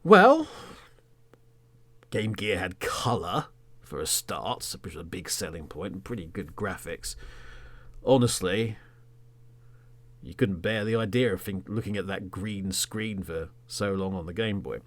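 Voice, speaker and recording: This podcast host is an English man in his thirties telling a story in the third person, delivered as a dramatic monologue with emphatic words and lines that sink into a hush. His low, expressive voice moves unhurriedly, with long pauses.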